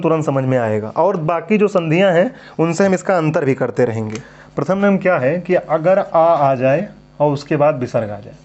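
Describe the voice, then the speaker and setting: A man teaching Hindi grammar in an exam-prep lecture keeps asking questions and then answering them himself, drilling his students. His voice is a little high with a darkish tone, and the lo-fi recording sounds dull.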